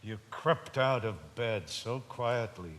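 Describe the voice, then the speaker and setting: An actor playing a bitter, suspicious older husband on stage, brooding and breaking into shouts. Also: male voice, fairly low pitch, expressive, slow. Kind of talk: stage drama performance.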